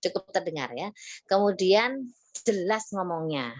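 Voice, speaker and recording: A woman teaching sales communication in an online workshop, lively and acting out sales pitches. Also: dry recording. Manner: lively, acts out customers and salespeople in quick voices.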